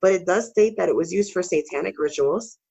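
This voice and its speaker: A woman co-hosting a podcast tells spooky stories in a casual, joking way, swearing and laughing between story beats. Her lowish voice is creaky, mellow and husky, a little fast, with lo-fi sound.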